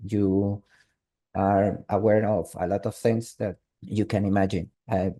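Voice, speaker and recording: Spanish-speaking man from Venezuela, online interview guest, deep dark voice, halting English full of restarts. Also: level tone. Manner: halting, with many restarts and fillers. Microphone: video call.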